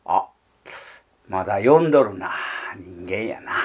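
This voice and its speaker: A man's voice: lowish voice, animated, measured pace, darkish tone, husky, voice pushed down. A man voicing a cautious heron who mutters to itself in a Kansai accent, in rakugo storytelling. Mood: wary muttering. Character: wary, chattering heron in a pond.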